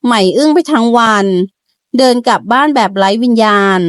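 A woman storyteller giving playful, lively scripted narration of a comic audio story. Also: on the high side, normal speed, smooth, no room sound, studio quality.

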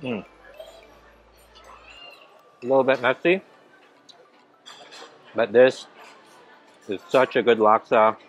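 A man's voice: mid-range voice, fairly even intonation, slow, pauses often, soft background music. A man in his thirties, a food vlogger, chatting enthusiastically as he walks a big indoor hotel buffet and eats, filmed on a handheld camera at arm's length. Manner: enthusiastic, narrates each dish as he eats. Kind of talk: casual food vlog narration.

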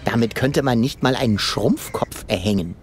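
A man's voice: medium pitch, animated, moderate pace, over music, natural voice. An actor voicing a cocky, sarcastic young male game hero who talks in a cheeky, mocking way. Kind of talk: game voice acting.

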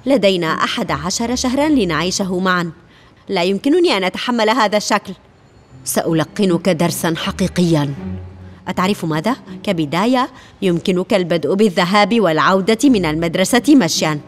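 A woman's voice: fairly low pitch, expressive, fairly quick, slight background noise, close to an everyday voice. A woman playing a cruel foster mom. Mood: cold. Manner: harsh, dismissive. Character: cold cruel foster mother. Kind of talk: dubbed drama acting.

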